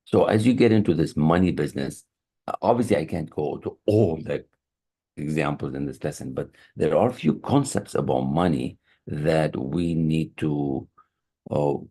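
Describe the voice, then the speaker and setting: Speaking at a moderate pace in a very deep, mellow voice with a breathy edge, this man coaches high performance animatedly. It's an earnest motivational online lesson in an online meeting room, captured via computer mic on a video call, where he repeats key phrases and restarts his sentences.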